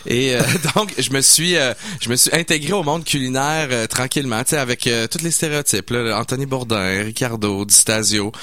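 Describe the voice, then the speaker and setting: A man's voice: medium pitch, normal speed, few pauses, bright, forceful tone, no room sound. A man in his forties with a Québécois accent, chatting enthusiastically as a guest in a studio interview, with lots of hesitant fillers. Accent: Québécois French. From Quebec City, Canada. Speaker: guest mixologist. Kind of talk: casual radio interview. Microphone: studio microphone.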